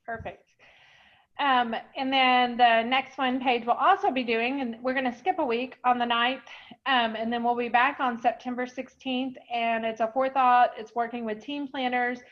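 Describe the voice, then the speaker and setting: A woman presents an online software webinar, explaining things chattily with lots of fillers and sounding a little out of breath. Her voice is on the high side, flat in delivery, at normal speed, heard through dull lo-fi video-call audio.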